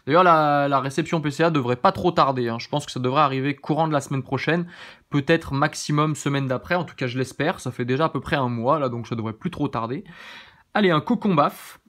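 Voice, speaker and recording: A man hosting his channel, giving casual, relaxed commentary as he opens trading cards, often thinking aloud and second-guessing names. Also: a little high, a little fast. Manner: relaxed, chatty, many fillers. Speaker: YouTube channel host. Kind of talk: casual card-opening commentary.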